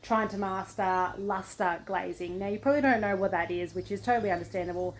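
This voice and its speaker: A woman's voice: mid-range voice, fairly even intonation, a little fast, a little hiss or hum. A woman with an Australian accent talking casually in a vlog, rambling a little as she thinks aloud. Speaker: potter and studio vlogger.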